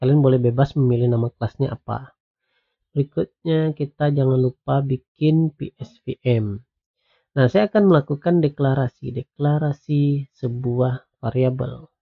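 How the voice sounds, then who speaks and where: A man giving a programming lecture while coding on screen, explaining slowly and patiently with lots of "nah" and "ya". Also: mid-range voice, vocal fry. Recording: tinny phone-like audio.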